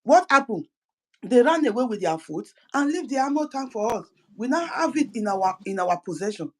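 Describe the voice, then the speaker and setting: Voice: medium pitch, sing-song, moderate pace, poor audio. A speaker gives an impassioned political address as an activist, fervent and full of repeated words and restarted phrases.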